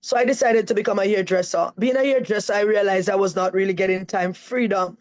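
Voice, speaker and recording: A woman's voice: medium pitch, steady tone, fast talker, rough recording. A woman with a Jamaican accent speaks as a guest on a live-stream interview. She tells her story in an earnest, emphatic way and often ends a point with "right?".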